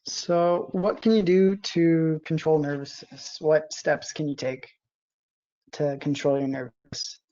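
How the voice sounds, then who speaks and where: A cadet flight sergeant giving a lesson over a video call, hesitant and monotone. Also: medium pitch, measured pace. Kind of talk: online class lesson. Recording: muffled video call audio.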